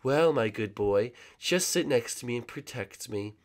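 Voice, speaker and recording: A man voicing a commanding, seductive mermaid queen in a game, speaking softly and slowly. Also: mid-range voice, lively intonation, close to an everyday voice. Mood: coaxing. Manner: slow, soft, imperious.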